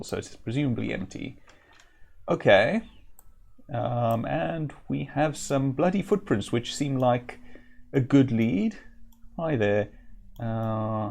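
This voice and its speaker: A man's voice: medium pitch, unhurried, gravelly, darkish tone. A man giving casual commentary as he streams a game, musing aloud with dry asides.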